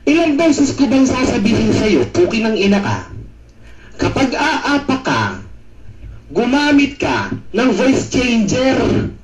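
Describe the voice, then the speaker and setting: A man roasting and taunting others in an online voice chat, swearing constantly and breaking into shouts. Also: very high-pitched, very animated, takes it slowly, roomy sound, rough recording. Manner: taunting, cursing, mocking, shouting bursts. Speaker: voice chat room regular. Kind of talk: trash-talk roast in voice chat.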